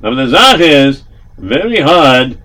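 A storyteller doing a shrewd old rabbi, calm and deliberate in a steady, mid-pitched voice that sounds like the teller's own. he drops Yiddish words here and there and takes his time. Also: heavily acted. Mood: feigned regret.

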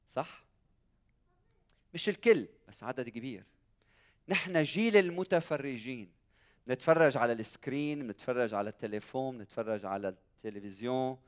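A man with a Lebanese Arabic accent preaching a church sermon as a pastor, emphatic, repeating key phrases and putting rhetorical questions to his listeners. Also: mid-range voice.

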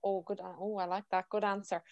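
A woman's voice: mid-range voice, level tone, fast, darkish tone, muffled recording. A woman with a west of Ireland, County Mayo accent, hosting a casual, chatty podcast interview over a video call. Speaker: podcast host.

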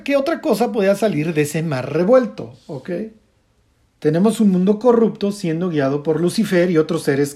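A man's voice: high voice, dark tone. A man teaching a conversational Bible study, explaining passages and pointedly commenting, often checking in with a questioning "ok?".

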